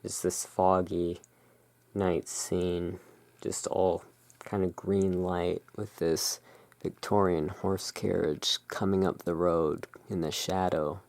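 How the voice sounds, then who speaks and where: Playing a curiosity emporium owner for a relaxing roleplay, the ASMR host speaks softly in a low-pitched, creaky voice. It comes out flat, very slow and hushed, moving between gentle musing and measured reading.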